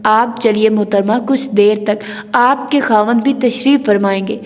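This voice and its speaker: A woman's voice: medium pitch, steady tone, measured pace, natural voice. Playful young husband from an audiobook romance, teasing and mocking, voiced by a woman narrator; echoing hall sound. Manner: teasing, bantering. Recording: long hall reverb.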